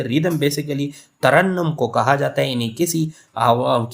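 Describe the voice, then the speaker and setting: Patient male lecturer, steady voice. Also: medium pitch, vocal fry. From Pakistan. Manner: explains patiently, restating points and repeating example words. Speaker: English literature professor. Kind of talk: recorded lecture.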